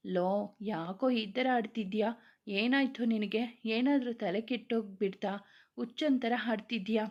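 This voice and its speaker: A woman reading the lines of a gentle, caring young husband in a storybook tale. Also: fairly high pitch, measured pace, highs cut off, natural voice.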